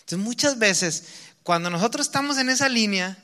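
A man with a Mexican accent preaching a sermon, reading scripture slowly and emphatically, then explaining it in casual asides. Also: high-pitched, expressive, bright, forceful tone, long reverb tail. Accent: Mexican Spanish.

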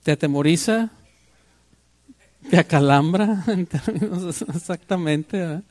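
An older man delivers a sermon, often turning to the congregation with rhetorical questions. His voice sits high for a man. The sound is dry and close, with no room echo. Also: measured pace, a little mellow. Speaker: pastor.

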